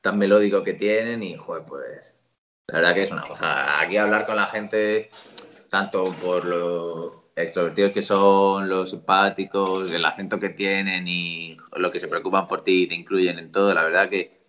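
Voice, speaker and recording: A man from Spain with a Spanish accent, co-hosting a casual chat in an emphatic, lively way with frequent swearing. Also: deep voice, normal speed, echoey room, muffled recording. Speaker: podcast co-host.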